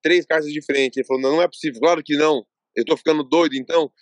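A man's voice: fairly high pitch, fairly even intonation, racing, no echo. A man from Brazil, a fighter guest on a podcast, telling a rambling anecdote and acting out what each person said. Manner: rambling storytelling, acts out quoted dialogue. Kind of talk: casual interview chat.

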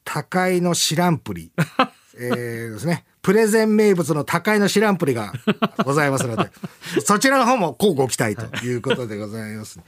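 A man's voice: a little high, very animated, brisk. A man hosting a radio after-talk, chatting casually and rambling with laughs between lines. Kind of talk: casual chat.

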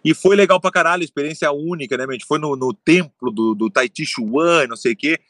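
A man telling a long story in casual chat, animated and swearing, acting out what others said. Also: fairly high pitch, fairly quick, no echo, studio quality. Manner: animated, swearing, acts out quotes. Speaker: storyteller guest.

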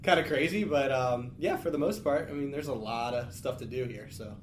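A man's voice: medium pitch, brisk. Easygoing man in a roomy office. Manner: easygoing, short answers. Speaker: guest, social media specialist. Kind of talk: casual interview answers. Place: office huddle room. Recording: roomy echo with faint hiss.

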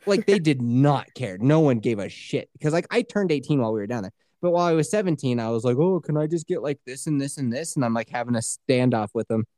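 A woman's voice: extremely low pitch, expressive, fast, hardly any pauses, mellow, dry recording, clean studio sound. A woman telling a funny story in a casual chat, mocking herself and laughing often.

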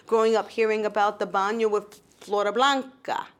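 A woman hosting a casual interview, lively and quick to jump in. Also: mid-range voice. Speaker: interviewer host.

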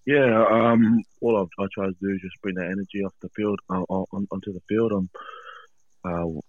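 Low-voiced Australian man on a muffled phone. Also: steady tone, normal speed, no room sound. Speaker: rugby league player. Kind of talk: casual radio interview. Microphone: phone call.

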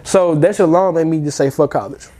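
Slangy young man, higher-pitched voice. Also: fairly even intonation, quick pace, warm tone. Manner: slangy, repetitive, emphatic. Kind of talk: casual profane group chat.

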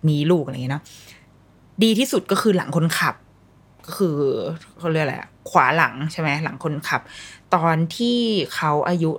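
A woman's voice: sits low, a bit bright, husky. A woman in her thirties, a mother hosting a podcast, telling her own story in a candid, blunt, slangy way and acting out the voices of the people in it. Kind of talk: casual storytelling chat.

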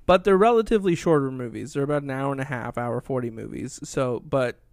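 A man's voice: medium pitch, fairly quick, dry recording. Young man rambling in casual podcast chat. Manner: rambling, lots of fillers and likes, wraps up the show. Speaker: podcast co-host.

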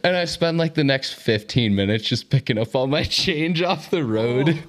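A man's voice: medium pitch, expressive, normal speed. A man from Boston, a podcast co-host, telling a story casually, laughing and swearing often. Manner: laughs through his own story, swears freely.

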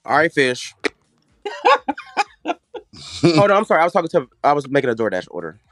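A man's voice: a little high, wildly swooping pitch, normal speed, fairly bright tone, no room sound, faint music behind. A man hosting a casual podcast, bantering in a sassy, campy, teasing way with drag slang. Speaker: podcast host. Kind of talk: casual reality-show banter.

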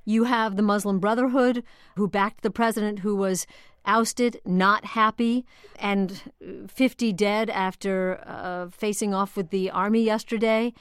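A woman's voice: mid-range voice, steady tone, unhurried, clean tone, dry recording. A woman hosting a live news interview from a studio, summarising and probing in a conversational way. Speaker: news programme host. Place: dry studio.

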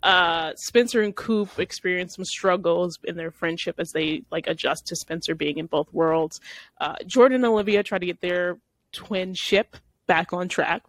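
A woman's voice: on the low side, moderate pace, dry recording. A woman hosting a casual podcast, recapping episodes, often laughing and restarting her phrases. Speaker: podcast host.

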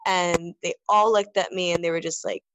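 A young woman, a band vocalist, answers interview questions in a casual, rambling way packed with fillers and restarts. Her lowish, slightly bright voice is steady at a normal speed, on a rough recording with slight background noise.

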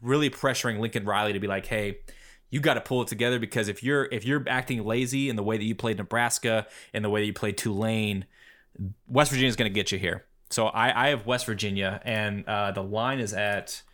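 A man co-hosting a casual sports podcast, excitable, laughing a lot and saying "like" often. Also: fairly low pitch, fairly quick. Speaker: podcast co-host.

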